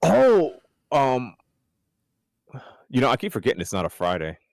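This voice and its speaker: A man co-hosting a casual gaming podcast, rambling and excitable, his voice jumping up high when he jokes. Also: unhurried, creaky, no echo, studio quality. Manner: excitable, rambling, jumps up in pitch when joking. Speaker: podcast co-host.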